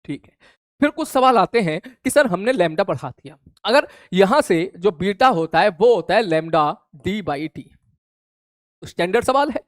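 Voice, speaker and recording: High-pitched guy teaching physics online, chatty, keeps asking if it's clear, dry close sound. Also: animated, a little slow, no echo. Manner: casual, chatty, addresses students informally, keeps asking "clear?". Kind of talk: live online revision lesson. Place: online class studio.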